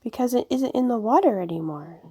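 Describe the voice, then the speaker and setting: A woman's voice: a little high, lively intonation, fairly quick, mellow, breathy edge, no room sound, voice pushed up. A woman voicing a sad, worried male muskrat who speaks mournfully in a storybook reading.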